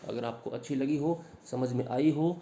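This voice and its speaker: A male literature teacher talks his students through a slide lesson in Hindi. He reads English lines slowly and deliberately, then explains them plainly. His voice sits in a middle pitch with a warm, mellow tone. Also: a little hiss or hum. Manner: explains in Hindi, slow English phrases read aloud; addresses students directly. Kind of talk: Hindi lecture on an English poem.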